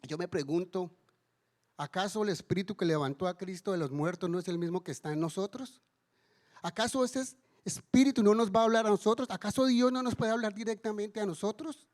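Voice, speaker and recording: A man's voice: high voice, fairly quick, a little mellow. A man preaching a sermon in a church, telling stories and acting out the voices of the people in them. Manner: tells a story and acts out voices in raised cries.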